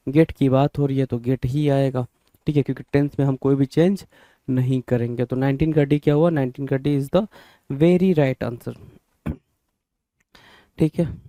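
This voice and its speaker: Guy teaching grammar for exams, mellow voice, quizzes himself, spells out sentences slowly. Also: mid-range voice, fairly even intonation, no room sound. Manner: asks students questions and answers them himself; reads English sentences slowly and deliberately. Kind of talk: exam-prep grammar lesson.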